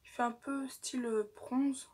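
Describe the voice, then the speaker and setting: Softly half-whispering woman beauty vlogger. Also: high voice, steady tone, measured pace, a little hiss or hum. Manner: often half-whispered, rambling asides. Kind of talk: casual makeup tutorial chat. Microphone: phone camera.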